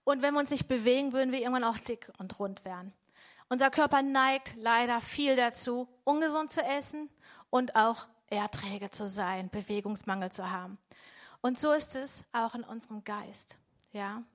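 Woman preacher with a high voice, chatty devotional teaching that keeps checking in with the congregation. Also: moderate pace. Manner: conversational, with frequent "ja?" checks to listeners. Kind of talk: devotional sermon.

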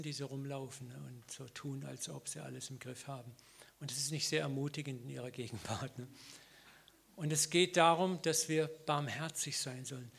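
A man's voice: on the high side, vocal fry, a bit bright, slightly rough. A middle-aged man preaching a sermon in an informal, conversational way, often ending phrases with a tag question and briefly voicing biblical figures.

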